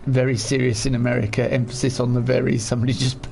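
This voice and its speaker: Croaky man chatting on a livestream. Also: mid-range voice, flat delivery, fast, darkish tone, slight background noise. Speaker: livestream gaming host. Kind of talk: casual livestream game commentary.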